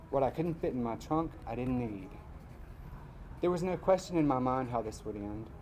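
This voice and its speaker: A man from Mississippi, reading his personal essay aloud at a live event in a measured, wry way. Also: medium pitch, darkish tone, a little hiss or hum, poor audio. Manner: measured storytelling, wry asides.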